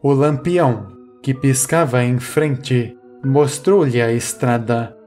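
A man reading a horror story aloud in a measured, suspenseful way, as the channel's narrator. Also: mid-range voice. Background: soft music.

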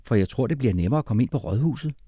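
A man voicing a calm, sensible girl who speaks reassuringly. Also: medium pitch, breathy edge, dry recording, studio quality, pitched above the performer's own voice. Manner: soothing, level-headed.

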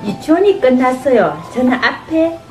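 A woman's voice: sits high, big pitch swings, normal speed, a little mellow. An older woman reading a picture book aloud to a toddler, sing-song and often stopping to ask the child questions. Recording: echoey room, faint music behind.

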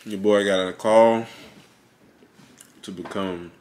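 Deep-voiced young man chewing while talking. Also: takes it slowly. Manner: laid-back slang, relaxed. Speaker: mukbang vlogger. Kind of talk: casual chat to camera.

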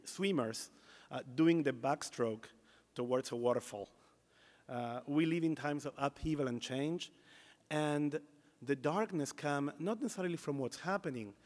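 A middle-aged man giving an earnest conference keynote from a podium on a hall stage, with emphatic delivery and frequent restarts. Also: fairly high pitch. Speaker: CEO giving a conference address. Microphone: podium microphone.

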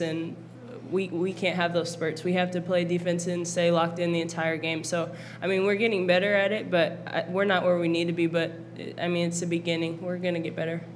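Calm young woman athlete at press table. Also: on the low side, slight background noise. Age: young adult. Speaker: college basketball player. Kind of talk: post-game press conference answers. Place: press conference room with backdrop. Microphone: table mic.

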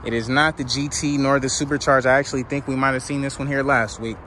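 A man's voice: medium pitch, steady tone, fast, fairly bright tone. A man vlogging a casual walkaround of cars at an outdoor auction lot, filmed on a handheld phone while he walks, chatting in slang and asking viewers to comment. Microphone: handheld phone camera, filming while walking. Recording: outdoor lot with clear background noise.

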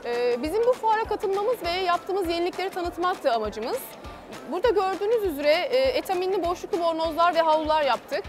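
Woman, company representative, hesitant, high voice, fair booth. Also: expressive, soft background music. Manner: hesitant, filler pauses. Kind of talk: trade fair testimonial. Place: trade fair booth, indoors.

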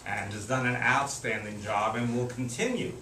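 An older man hosts a class lecture in a small classroom, introducing a guest in a casual, friendly way with fillers. His medium-pitched voice has a sharp tone at normal speed. A distant camera picks him up, so the audio is echoey and noisy.

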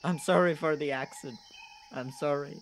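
A man's voice: fairly high pitch, steady tone, moderate pace, a little hiss or hum. Rambling man playing a game. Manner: rambling, hesitant, self-deprecating. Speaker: gaming video host. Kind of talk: casual let's-play commentary.

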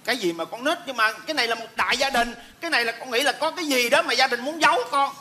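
Một nam diễn viên đóng vai cậu con trai trẻ tò mò, nằng nặc đòi biết chuyện, trong vở hài kịch sân khấu. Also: male voice, extremely high pitch, very fast, bright, forceful tone, slight background noise, heavily acted. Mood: insistent. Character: young son, nosy and insistent. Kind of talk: stage comedy skit.

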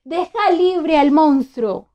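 A woman voicing a brave little toad, eager and calling out loudly. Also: high voice, unhurried, muffled recording. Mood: excited. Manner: eager, shouting out.

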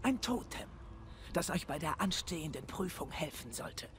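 An actress playing a wise reptilian mystic in a video game, measured, solemn and cryptic. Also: female voice, low-pitched, big pitch swings. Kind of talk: video game character acting.

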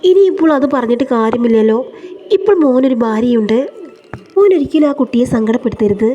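Woman voicing a calm old grandfather. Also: a little high, quick pace, highs cut off, lightly acted. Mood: soothing. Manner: soothing, reassuring. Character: gentle elderly grandfather, calm family elder.

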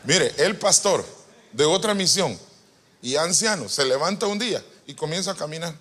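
A man preaches to a hall of pastors in a sermon full of jokes and asides. His voice is fairly high and swings widely in pitch, going from loud, playful outbursts to quiet, soft passages. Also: moderate pace. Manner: animated, joking with the congregation, swings from loud to soft. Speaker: apostle preaching. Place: church retreat hall.

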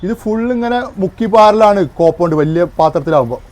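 Man, high voice, casual hands-on demonstration, patient step-by-step explaining. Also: lively intonation, fast talker, darkish tone, a little hiss or hum. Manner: explains step by step, keeps asking if you understand. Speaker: home arrowroot powder maker demonstrating.

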